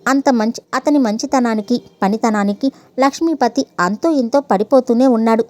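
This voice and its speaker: A woman tells a story in a steady, clear reading. Her voice is fairly high and mellow, with a warm tone. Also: normal speed. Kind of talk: scripted narration of a story.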